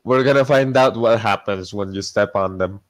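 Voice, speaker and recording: A man's voice: on the low side, moderate pace, a crowd in the background. A man playing a tabletop game, making casual remarks to the other players.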